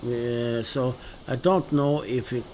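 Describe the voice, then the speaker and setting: A man from northern Sweden with a Swedish accent, commenting on his gameplay in a relaxed, hesitant, musing way with many pauses and restarts. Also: medium pitch, a little hiss or hum. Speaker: gaming video host. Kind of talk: relaxed let's-play commentary.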